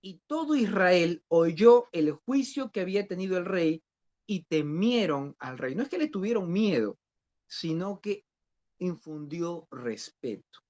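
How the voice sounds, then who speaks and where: Lively male Bible teacher. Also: sits high, measured pace. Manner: questions the class, repeats phrases. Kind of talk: discipleship class teaching. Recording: dull lo-fi recording.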